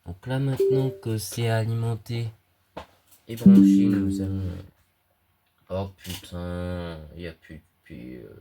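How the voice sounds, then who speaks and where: Music plays behind a low-pitched young man who takes his time explaining an electronics project. He's a hobbyist YouTuber with a cold, sounding stuffy, and his casual screen-recorded tutorial is hesitant, slangy, and full of fillers.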